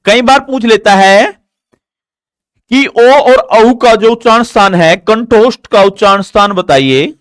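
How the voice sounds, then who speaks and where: Guy teaching a live class, high voice, slow and careful, quizzes then answers himself, dry close sound. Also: no echo. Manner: asks questions and answers them himself, drilling; slow, deliberate explaining with an animated pitch. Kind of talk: live online grammar lesson.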